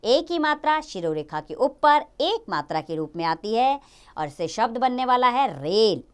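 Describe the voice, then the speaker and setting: Clear-voiced woman teaching grammar to children. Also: fairly high pitch, big pitch swings. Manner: slow, drawn-out teaching of each letter and sound.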